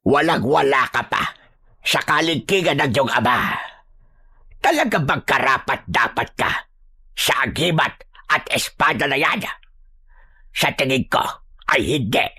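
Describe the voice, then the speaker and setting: A menacing queen of monsters, voiced by a man, drawing out every taunt. Her voice is bright and a little husky, and it stays slow and gloating. Cruel, mocking horror storytelling. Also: medium pitch, animated, full character voice. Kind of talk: audio horror story acting.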